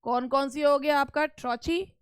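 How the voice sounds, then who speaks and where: A woman's voice: high-pitched, fairly even intonation, normal speed, no room sound, studio quality. A woman teacher giving an online exam-prep lesson, explaining step by step and stretching words to show their stress.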